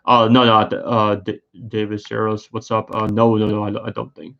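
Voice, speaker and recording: A man's voice: lowish voice, monotone, moderate pace, creaky, fairly bright tone, highs cut off. A tired, yawning man giving rambling, hesitant live-stream commentary, full of fillers and restarts. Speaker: sports streamer.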